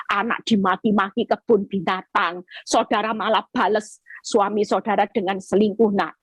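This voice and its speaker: A woman's voice: fairly high pitch, breathy edge, dry recording. A woman evangelist preaching a sermon over a video call, emphatic and repeating her phrases. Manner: emphatic, repeats phrases, acts out quoted cries.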